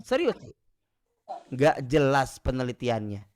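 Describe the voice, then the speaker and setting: A man gives a relaxed religious study lesson and tells it as a story, his voice rising and falling as he speaks straight to the people listening. His voice sits in a middle pitch. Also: unhurried. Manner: animated storytelling, often addresses the audience directly. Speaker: Quran recitation teacher. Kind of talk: casual Islamic study lecture.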